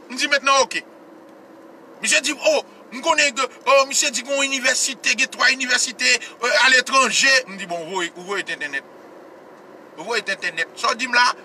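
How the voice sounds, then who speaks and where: A man with a Haitian accent giving animated political commentary, repeating his points and asking rhetorical questions, sometimes mimicking others in a raised voice. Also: high-pitched, a little hiss or hum. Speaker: political commentator, show host.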